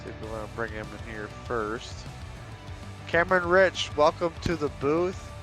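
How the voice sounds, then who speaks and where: A man's voice: medium pitch, moderate pace, over music. Folksy male sim racing commentator. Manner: relaxed, folksy, chatty. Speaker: race commentator.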